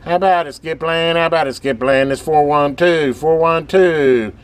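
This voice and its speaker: A radio hobbyist from the United States presents on his channel from a workbench full of radio gear, chatting casually and hands-on in a folksy, rambling way as he thinks aloud. His voice is fairly high-pitched at a moderate pace, with steady background noise in the recording.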